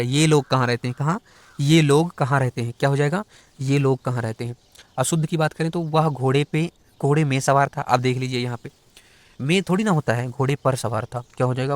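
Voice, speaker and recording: A man's voice: mid-range voice, no room sound. Guy teaching grammar, keeps asking "what will it become?", close dry mic. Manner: repeats questions, corrects errors in a conversational, rhetorical style. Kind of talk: Hindi grammar lesson for exam prep.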